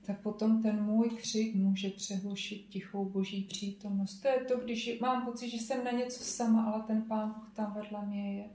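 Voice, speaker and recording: A woman giving a gentle, reflective sermon in a personal tone. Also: medium pitch, roomy sound, a little hiss or hum. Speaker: preacher.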